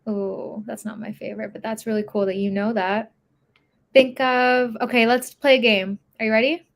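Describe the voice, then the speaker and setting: Lively young woman chatting on a podcast. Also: a little high, moderate pace. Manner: lively storyteller, laughs easily. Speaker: podcast co-host. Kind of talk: casual chat.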